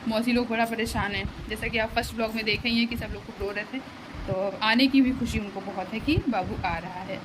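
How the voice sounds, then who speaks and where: A woman's voice: fairly high pitch, steady tone, a little fast. Give me a young woman chatting casually to her vlog audience at home, recorded on a phone with background noise. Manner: chatty, pleading and laughing with family. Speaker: vlogger. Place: home, moving around while packing.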